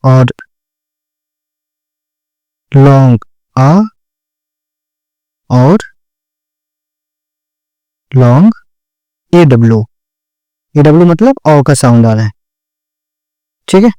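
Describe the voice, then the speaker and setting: Slow, patient man teaching shorthand. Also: medium pitch, animated, warm tone, smooth, dry recording, highs cut off. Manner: slow, patient, repeats words and checks understanding. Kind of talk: step-by-step classroom explanation.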